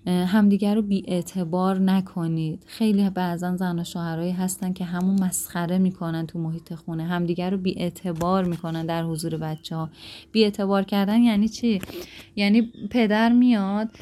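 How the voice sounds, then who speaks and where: Woman talking parenting advice, lowish mellow voice, coaching and direct. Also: little pitch movement, a little hiss or hum. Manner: direct, coaching, acts out sample lines. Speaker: parenting advisor. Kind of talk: advice talk to listeners.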